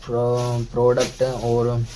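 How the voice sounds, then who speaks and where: A man's voice: medium pitch, completely flat delivery, takes it slowly, warm tone, slight background noise. A man giving a motivational sales training talk, calling the listener "friend" and going through numbered steps one by one. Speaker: network marketing trainer.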